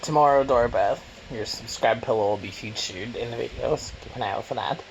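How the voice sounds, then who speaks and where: A man's voice: medium pitch, a little fast, gravelly, highs cut off. A man vlogging casually as he eats, rambling and repeating himself for emphasis. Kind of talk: casual mukbang chat while eating. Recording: noisy room, clattering cutlery and dishes.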